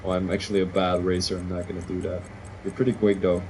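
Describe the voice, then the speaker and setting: Soft music plays behind a low-pitched Belgian man commentating a sim race live in Dutch. His Belgian accent is evident, and he's excitable and quick to second-guess his calls.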